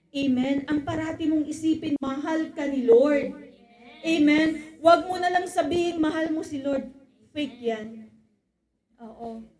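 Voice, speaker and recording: High-voiced woman preaching a sermon. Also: darkish tone, roomy sound, low-quality recording. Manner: mixes English and Filipino, asks the congregation for amens; acts out quoted exchanges in a raised voice.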